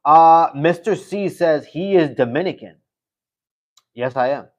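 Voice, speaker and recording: A man with a slightly high voice runs a live stream at a somewhat slow pace. He offers casual commentary, meandering and repeating points, with some swearing mixed in.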